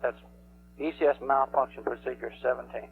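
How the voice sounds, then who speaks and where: A man with a creaky, gravelly voice reports technical status as a flight controller. He comes over a thin, phone-like radio loop with faint hum. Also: mid-range voice, fairly even intonation, brisk. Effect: mission control radio loop. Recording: tinny, humming radio loop.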